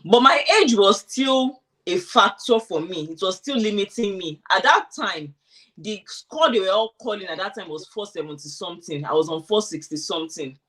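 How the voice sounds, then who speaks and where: Animated woman telling her story, slightly off-mic. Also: medium pitch, normal speed, far from the mic. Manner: animated, acts out quoted thoughts. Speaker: interviewee sharing her immigration story. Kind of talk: casual conversational storytelling.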